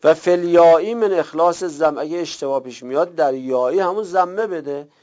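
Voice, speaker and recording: A man teaching a grammar class. He reads a text slowly, explains it quickly, and drills word forms in lists. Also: a little high, darkish tone. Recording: dull lo-fi recording.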